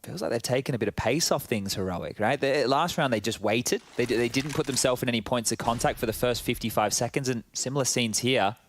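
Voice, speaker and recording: A man's voice: mid-range voice, fairly quick, few pauses, a little hiss or hum. A man giving live esports commentary as an analyst co-caster, conversational and checking in with tag questions.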